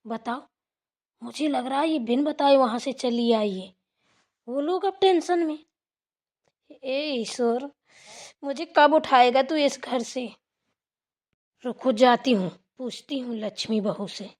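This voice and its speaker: A woman's voice: high-pitched, takes it slowly, long pauses, a little mellow. A woman voicing a middle-aged village mother-in-law who drawls and grumbles in a cartoon. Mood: grumbling. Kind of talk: cartoon voice acting.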